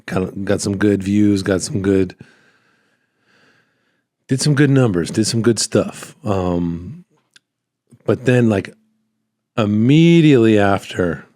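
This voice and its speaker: A small business owner hosts a solo podcast, talking casually in a deep, low, dark-toned voice that is expressive yet somewhat hoarse after a recent illness, cutting in and out at times. He rambles haltingly and repeats phrases. The sound is dry, with very little room echo.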